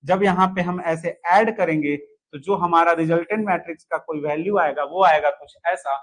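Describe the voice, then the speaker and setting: Male teacher running an online class, high voice, repeats himself, keeps checking if students follow. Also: moderate pace, a bit bright, rough recording. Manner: asks students to answer and comment, repeats key points. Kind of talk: online lesson solving exam questions.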